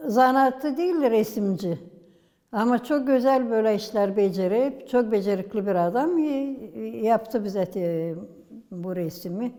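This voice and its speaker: A woman from Gagauzia with a Gagauz accent, explaining village history as a local museum guide in an unhurried, halting way with many pauses. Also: a little high, mellow, big-room sound. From Gagauzia, Moldova.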